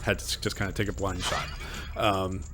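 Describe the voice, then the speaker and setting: Low-pitched man giving casual game commentary. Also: flat delivery, moderate pace. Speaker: gamer, host. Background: game music.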